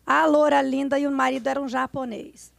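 A woman telling a personal story as a podcast guest, lively and acting out what the others said. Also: sits high, a little fast, vocal fry, no room sound. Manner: animated, acts out the voices of people in her story. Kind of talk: casual storytelling.

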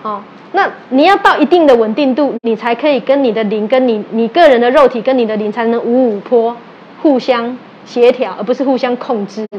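Briskly and at a fairly high pitch, a woman gives a sermon in Taiwanese Mandarin mixed with Taiwanese Hokkien. As a religious teacher she tells vivid stories, acts out exchanges and asks her audience questions. The audio is dull, carrying a little hiss or hum.

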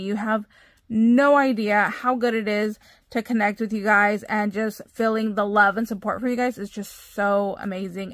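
A young woman with a high, bright-sounding voice chats to her viewers in a casual vlog. She gushes excitedly and fills her talk with "like", recorded dry and close with little room sound. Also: dry recording. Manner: gushing, excitable, many "like" fillers. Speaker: crafting vlogger. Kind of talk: casual chat to camera.

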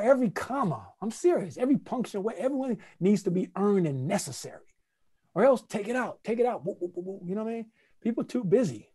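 Animated male playwright scatting rhythms. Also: sits high. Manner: animated, scats rhythms aloud; conversational, repeats phrases for emphasis. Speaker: playwright teaching a masterclass. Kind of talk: lively online workshop teaching.

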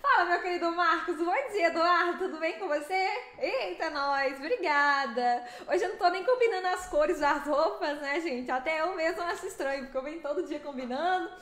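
A young Brazilian woman streaming a driving game, chatting with viewers in a lively, fast way and laughing often. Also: very high voice, roomy sound. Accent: Brazilian Portuguese. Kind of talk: live stream chat with viewers.

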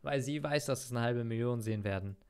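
A man's voice: medium pitch, quick pace, darkish tone, clean tone. A man streaming a reaction, talking casually to his chat with slang and opinionated asides.

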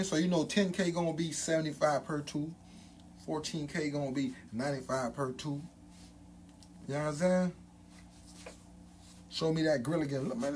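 A man's voice: a little high, slight background noise. Hype man talking through a gold grill. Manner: hype, repetitive catchphrases, loud ad-libs. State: speaking with grill on teeth. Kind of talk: casual hype promo vlog.

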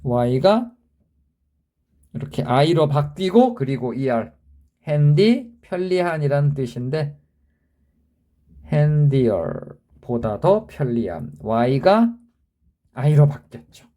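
Male grammar teacher, emphatic, lively pitch, slow unhurried delivery. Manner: spells out word endings letter by letter, quizzes viewers, emphatic. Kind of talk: video grammar lesson.

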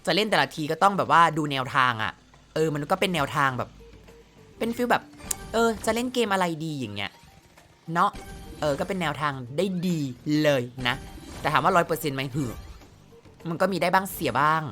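Woman streamer, lowish bright voice, chatty and playful, casual gameplay commentary at a close mic, game music faintly behind. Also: animated, a little fast, long pauses. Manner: chatty, playful, exclaims at the screen.

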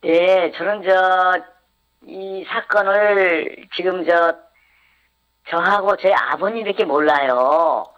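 An anonymous interviewee in their fifties, speaking through an electronic voice changer that hides their identity, talking in a hesitant, halting way with frequent restarts. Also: medium pitch, smooth. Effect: voice disguised with an electronic voice changer. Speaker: interviewed investment fraud victim. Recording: dull, lo-fi altered sound.

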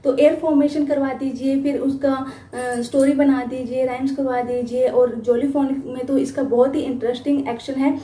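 High-voiced woman teaching phonics sounds. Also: flat delivery, moderate pace, hardly any pauses, a little hiss or hum. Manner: models letter sounds loudly, drawn out. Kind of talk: spoken teaching tutorial. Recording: echoey room.

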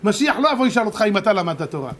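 A man, a rabbi, giving a religious lesson full of stories, animated and rhetorical, repeating points for emphasis. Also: sits high, slight background noise.

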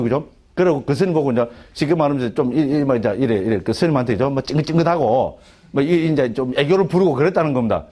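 A man's voice: on the high side, dark tone. A middle-aged man with a Gyeongsang Korean accent, a monk giving a chatty class lecture on a Buddhist text, constantly asking the class "right?" and restarting his sentences.

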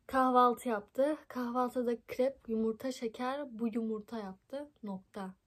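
A young woman reads a fan-written story aloud into her phone in an unhurried, slightly high voice. Her throat is scratchy and tickly, and she keeps stumbling, laughing and making fun of the text as she goes. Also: darkish tone. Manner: amused, mocking asides, frequent laughs and stumbles. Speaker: reader of a fan fiction book. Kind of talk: casual reading aloud, commenting and laughing.

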